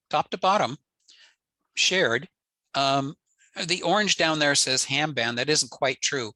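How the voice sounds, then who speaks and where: An older American man, a ham radio enthusiast, presents technical slides informally over a video call from indoors, speaking plainly and matter-of-factly. His voice is mid-range, bright, and forceful; the audio is poor, though free of room sound.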